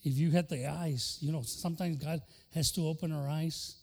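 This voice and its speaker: Older male pastor, impassioned bilingual sermon, gravelly edge, long church reverb. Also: fairly high pitch, fairly even intonation, unhurried, a little mellow. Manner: impassioned, switching between Spanish and English.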